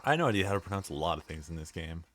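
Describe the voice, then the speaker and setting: A man's voice: deep voice, expressive, racing, fairly bright tone, faint music behind. A young man rambling casually with lots of fillers while commenting on his gameplay as a let's play host. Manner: rambling, laid-back, many fillers.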